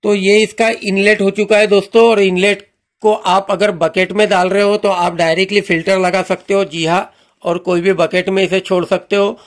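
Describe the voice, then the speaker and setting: A man's voice: high-pitched, level tone, moderate pace. A man hosting his own channel, walking viewers through a hands-on product demo in a friendly, instructional way, often repeating a set phrase. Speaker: channel host demonstrating a car washer.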